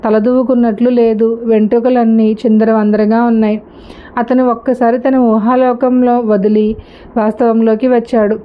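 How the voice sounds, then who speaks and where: A woman's voice: fairly high pitch, little pitch movement, moderate pace. A woman narrating a story as a storyteller, reading steadily and evenly. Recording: slightly dull lo-fi recording.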